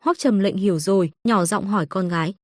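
A woman narrating a comic story in an even, steady reading. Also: medium pitch, fairly quick, no room sound, studio quality.

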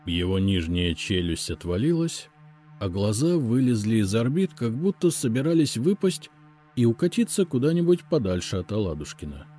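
Brief: male audiobook narrator, first-person story, mellow low voice, animated intonation. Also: moderate pace, faint music behind.

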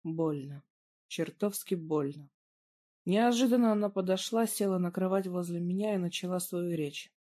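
A reader narrating a first-person story in a subdued, even way. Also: medium pitch, moderate pace.

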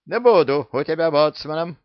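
A man voicing a cheeky, boastful male parrot who bullies the crew, with a shrill, cocky, bossy manner. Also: expressive, normal speed, no room sound, lo-fi sound, close to an everyday voice.

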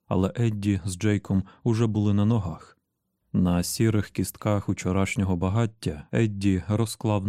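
A man narrating an audiobook in a steady, even reading voice, close to the mic. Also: fairly low pitch, no echo. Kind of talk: scripted narration.

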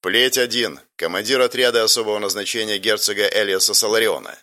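A man's voice: on the low side, fairly even intonation, fast talker, sharp tone. Audiobook: a stern, arrogant male special-forces commander who barks orders , read by the narrator. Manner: barking, commanding.

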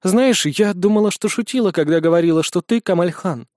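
A man voicing a tired young woman student who speaks in a flat, quietly sardonic way. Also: high voice, fairly quick, no echo, clean studio sound, close to an everyday voice. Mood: wry, subdued.

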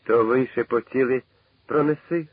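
A man's voice: medium pitch, normal speed, slightly rough, no room sound, pitched above the performer's own voice, close to an everyday voice. A man reading the part of an anxious young lieutenant who is shaken and questioning. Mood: amazed. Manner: tense, questioning. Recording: tinny old radio broadcast.

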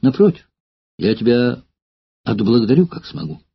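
A man voicing a young Greek courtesan who coaxes softly and hushed, scheming and jealous, in an audiobook reading. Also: mid-range voice, expressive, normal speed, gravelly, husky, full character voice. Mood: bitter resolve. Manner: soft, pleading, hushed and intimate. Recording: slightly dull lo-fi recording.

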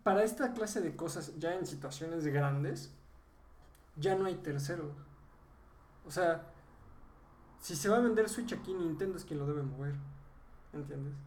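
A man with a Mexican Spanish accent co-hosting a podcast, explaining at length in casual chat, his pitch jumping up when he gets animated. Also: unhurried, long pauses, far from the mic. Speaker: podcast co-host. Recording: echoey room, faint ambient noise.

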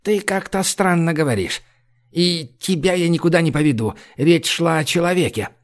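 A man's voice: fairly high pitch, lively intonation, moderate pace, pitched above the performer's own voice, lightly acted. A man putting on a hissing greedy desert creature. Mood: snarling greedy. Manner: hissing, snarling, then panicky pleading. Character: greedy, suspicious desert sand-dweller male guide.

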